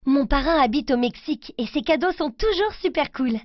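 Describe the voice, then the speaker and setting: A woman reading a children's story aloud, slowly and clearly, in a careful reading voice for children. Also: sits high, expressive, muffled recording, slight background noise.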